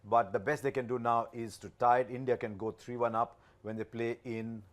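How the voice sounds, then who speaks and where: A man's voice: mid-range voice, steady tone, brisk. A man hosting a cricket show, presenting and putting questions in a conversational studio style.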